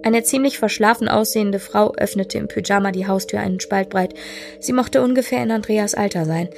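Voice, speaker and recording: A woman reads a story aloud in a steady, measured way, her voice mid-pitched with a gravelly, creaky grain. Soft music plays faintly underneath the narration. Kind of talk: storybook reading.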